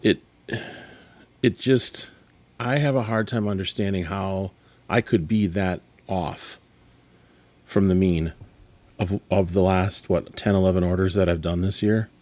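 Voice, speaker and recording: A middle-aged sports card dealer speaks in a low, unhurried voice with a darkish tone. In this casual grading-reveal vlog, he rambles and sounds exasperated, often correcting himself as he reacts to his graded cards.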